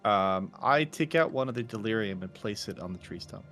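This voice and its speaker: Guy playing a tabletop rpg, casual n stammery, pitch goes up and down, faint music. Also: lively intonation, a little fast, a bit bright. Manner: hesitant, stammering. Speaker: tabletop game player. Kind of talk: casual improvised role-play.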